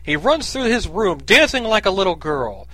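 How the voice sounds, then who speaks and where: A male narrator telling a parody story with a dry, mocking edge. His voice sits slightly high. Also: very animated, normal speed, a bit bright, slight background noise. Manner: sarcastic, mocking.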